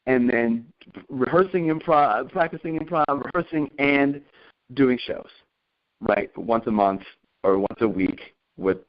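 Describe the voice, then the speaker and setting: A man acting as a career coach leads a group call with an informal motivational talk, sharing personal anecdotes and emphatically repeating his points. His voice is mid-range and a little slow, conversational, and he checks in with listeners using tag questions. The conference call audio is dull and lo-fi.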